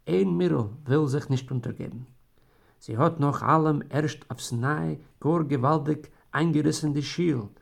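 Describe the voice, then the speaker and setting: Gravelly man reading a story dramatically. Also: a little high, a little slow.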